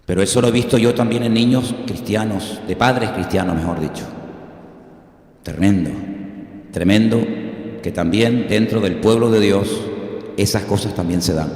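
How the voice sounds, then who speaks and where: A man's voice: lowish voice, a little mellow. A pastor in his sixties from Venezuela, preaching a sermon with humorous stories and earnest warnings. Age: 60s. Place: church hall. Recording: echoey hall with long reverb.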